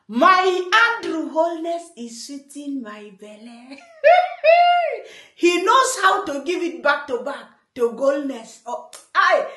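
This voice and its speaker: A woman with a Nigerian accent giving animated, teasing reaction commentary and laughing often. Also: very high-pitched. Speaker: online commentator. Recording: roomy echo.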